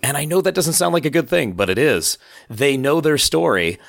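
A man co-hosting a casual podcast, hoarse from losing his voice, trading dry jokes. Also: fairly high pitch, sing-song, moderate pace, no echo. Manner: dry, joking banter. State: hoarse from lost voice. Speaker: podcast co-host. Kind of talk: casual chat.

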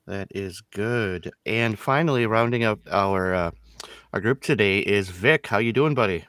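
Chatty bright-voiced male podcast host. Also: fairly low pitch, measured pace, clean tone, no room sound, clean studio sound. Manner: chatty, laughs often, restarts sentences. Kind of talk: casual group chat.

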